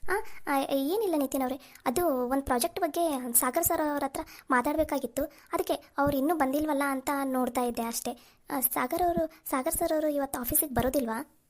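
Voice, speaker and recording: Cartoon young office woman, high-pitched, anxious and pleading, woman voicing. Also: normal speed, lightly acted. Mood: worried. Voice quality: pleading, fretful. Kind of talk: cartoon voice acting.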